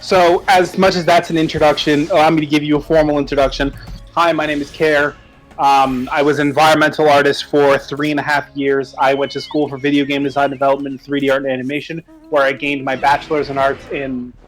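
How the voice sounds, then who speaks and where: A man's voice: medium pitch, brisk, soft background music, rough recording. A self-deprecating young man on voice chat. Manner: animated, self-deprecating storyteller. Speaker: stream guest, former environmental artist. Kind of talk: casual chat over voice call.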